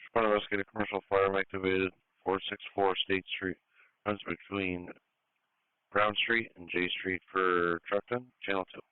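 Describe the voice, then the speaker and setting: A man dispatching fire calls in a fairly low, clear voice. He is procedural and repeats details, over a dry, narrowband radio channel. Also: little pitch movement, moderate pace, dry recording.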